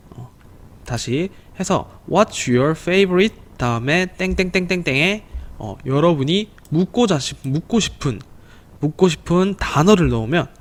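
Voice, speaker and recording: Patient male English teacher, slightly high. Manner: slow, patient explaining with frequent fillers and repeated words. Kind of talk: online English lesson for children.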